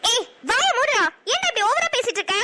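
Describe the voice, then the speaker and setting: A woman voicing a lively, bold, teasing young woman in a cartoon, brash and playful. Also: extremely high pitch, very noisy. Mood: defensive. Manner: playful, brash, quick with jokes. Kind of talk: cartoon voice acting.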